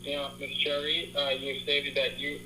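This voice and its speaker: A man on a phone line giving a formal, overly polite scripted pitch, repeating "wonderful". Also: completely flat delivery, a little slow, pushed and bright. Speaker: scam caller. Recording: tinny phone line with faint hiss.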